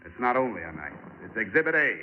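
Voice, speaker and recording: Here the narrator and lead of a 1940s radio drama uses a fairly low, sing-song voice at a quick pace, with slight background noise on the dull old broadcast recording. He plays a tough insurance investigator who wisecracks, needles his suspects tauntingly, and narrates his own case.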